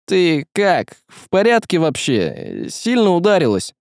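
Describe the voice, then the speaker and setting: A man voicing a brash, quick-tempered young man who speaks bluntly in modern slang. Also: on the high side, huge pitch swings, gravelly, no echo, studio quality, voice pushed up, exaggerated voice. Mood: worried.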